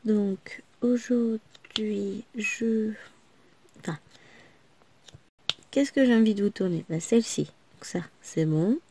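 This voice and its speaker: A woman rambles through a casual vlog chat, full of little asides. Her voice is gravelly and still cracks now and then after a recent loss of voice. Her pitch sits in an ordinary middle range. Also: warm tone, slight background noise. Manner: rambling, chatty, many small asides. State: voice still breaking after losing it. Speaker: vlogger.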